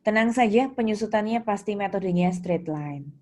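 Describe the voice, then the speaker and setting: An accounting lecturer with an Indonesian accent speaks in a mellow, medium-pitched voice at a moderate pace. She teaches an interactive class, explaining points didactically and questioning her students, over noisy audio full of keyboard clicks and typing.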